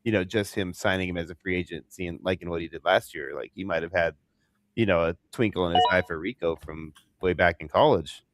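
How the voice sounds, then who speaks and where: A man co-hosting a live fantasy football draft chat, excitable and slangy, laughing easily. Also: low voice, brisk, background noise. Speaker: fantasy football podcast co-host.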